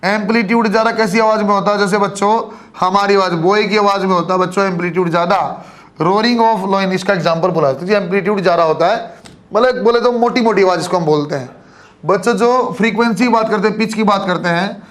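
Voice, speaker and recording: High-voiced male physics teacher lecturing. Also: quick pace, fairly bright tone. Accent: Haryanvi Hindi. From Haryana, India. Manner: addresses students as kids, frequent check-ins. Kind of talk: classroom lecture.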